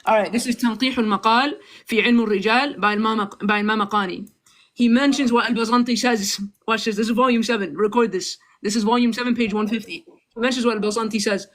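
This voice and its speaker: A man argues in a heated online debate, quoting books to back his points. His voice is bright and forceful, and his tone stays combative and mocking throughout. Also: high-pitched, fairly even intonation, racing. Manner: combative, mocking, reads sources aloud.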